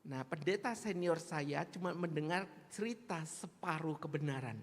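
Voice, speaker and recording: A man's voice: on the high side, normal speed. A man with an East Javanese accent preaching a sermon, telling stories animatedly and speaking straight to the congregation. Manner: animated, mixes local slang, addresses congregation. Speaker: pastor. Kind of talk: storytelling sermon. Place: church sanctuary. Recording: long church-hall reverb.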